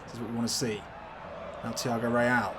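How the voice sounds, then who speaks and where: Brisk and flat in a medium-pitched voice, a man who makes gaming videos chats through casual commentary on a football video game, pondering his team choices aloud. The background is noisy, with music playing.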